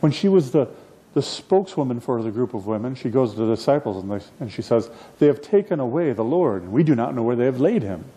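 Man, middle-aged, pastor, sermon, very dark warm tone, animated delivery. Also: medium pitch, fast talker. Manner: expressive preaching, gesturing, with repeated restarts. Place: church platform indoors, livestreamed.

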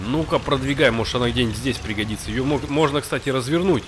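A man's voice: mid-range voice, fast. A man giving casual, improvised gameplay commentary, thinking aloud in short colloquial phrases. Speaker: gamer, let's-play host. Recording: faint noise of game rain behind. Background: game ambience with rain.

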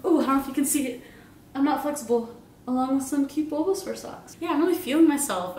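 This is a woman in her twenties vlogging a grocery haul from her kitchen at home, casual, bubbly and giggly, rambling with lots of fillers. Her voice sits in the mid-range. The distant camera, a few meters off, captures roomy kitchen sound and slight background noise.

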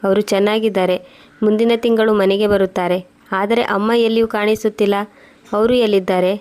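A loving young married daughter speaks up for her mother, as a woman narrator reads her part. The pitch stays narrow and level, and she sounds like a plain storybook reader. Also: normal speed, close to an everyday voice. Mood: pleading. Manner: flat, even reading.

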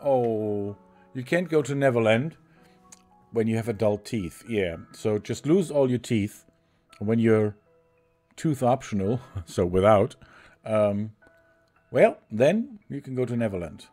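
Slow, low-voiced German-accented streamer. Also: male voice, expressive, dark tone, faint music behind. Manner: slow reader who chuckles and corrects himself. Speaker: let's play streamer. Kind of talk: reading game text aloud with commentary.

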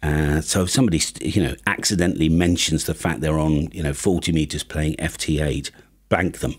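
A British man in his fifties presents a chatty, tongue-in-cheek comic monologue to camera for his YouTube ham radio channel. His voice is extremely low and slightly breathy, with fairly even intonation and a slightly fast pace. He records in a small acoustically paneled home studio on a boom-arm studio mic.

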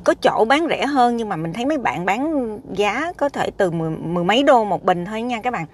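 A woman's voice: mid-range voice, animated, a little fast. A woman, chatting emphatically to a dashboard camera while sitting in a parked car. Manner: chatty, emphatic, repeats "các bạn". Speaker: food vlogger. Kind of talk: casual chat to camera.

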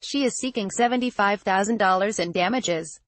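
A woman narrating a news report in a steady, scripted read. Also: mid-range voice, moderate pace, dry recording.

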